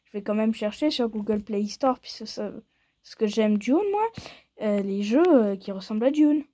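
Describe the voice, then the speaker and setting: A woman's voice: fairly high pitch, lively intonation, normal speed, dark tone, dry recording. A woman giving casual commentary while playing a mobile game, rambling playfully and poking fun at herself. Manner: playful, rambling and self-mocking.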